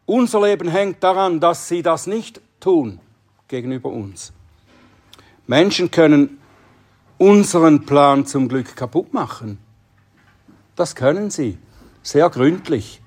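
Slow, earnest high-voiced male preacher. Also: lively intonation. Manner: earnest, emphatic delivery with dramatic drops to a hush. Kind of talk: sermon.

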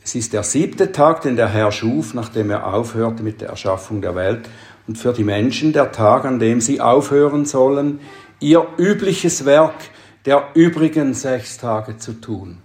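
A man preaching a sermon in a slow, measured way, lifting his voice to stress key words. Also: mid-range voice, a little mellow, echoey room.

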